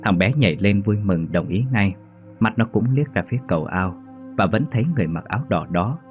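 A man reading a ghost story as narrator, steady and measured. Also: fairly low pitch. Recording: faint music behind.

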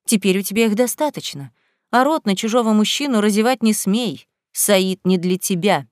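A woman's voice: medium pitch, normal speed, darkish tone, no echo, clean studio sound, close to an everyday voice. A woman reading an audiobook, voicing a scheming young rich woman who taunts her rival in a mocking, snide sing-song. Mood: sneering.

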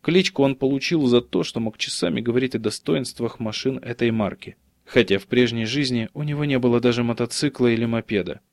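A man's voice: mid-range voice, brisk, no room sound. Male audiobook narrator, dry close voice.

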